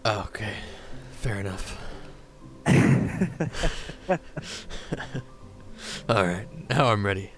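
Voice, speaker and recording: A man's voice: fairly low pitch, lively intonation, drawn-out words. A man streaming a dating game, chatting casually, joking and swearing freely while narrating the story.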